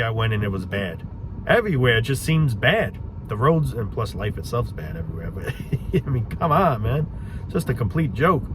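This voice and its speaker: A man's voice: mid-range voice, fairly bright tone, a little hiss or hum. A man ranting casually and profanely to his viewers, frustrated and rambling. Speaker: vlogger.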